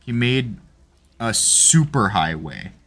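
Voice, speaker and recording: A man streams a building game, casually chatting and cracking crude jokes while he builds. His medium-pitched voice is very animated and fairly bright, though he speaks at a slow pace.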